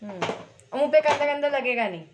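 A woman with a high voice hosts a casual cooking video from her home kitchen. She talks the viewer through each ingredient in a chatty, step-by-step way, recorded on a phone with faint frying noise behind her. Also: animated, a little fast. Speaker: cooking channel host.

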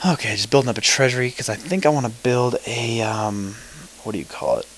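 A man's voice: mid-range voice, lively intonation, a little fast, fairly bright tone, a little hiss or hum, poor audio. A man giving casual gameplay commentary, thinking aloud, mumbling and swearing now and then. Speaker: let's play gamer.

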